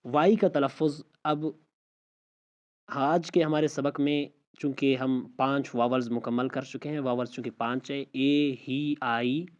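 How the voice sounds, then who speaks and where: A man teaching English pronunciation, saying example words slowly and repeating each one. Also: mid-range voice, fairly even intonation. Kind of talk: spoken language lesson. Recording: slightly dull lo-fi audio.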